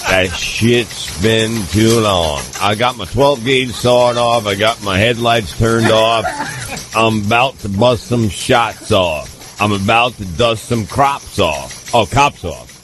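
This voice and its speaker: Music plays behind a man anchoring a comedic mock newscast, stumbling over words and mispronouncing them as he reads. His voice is fairly low and his pace slow.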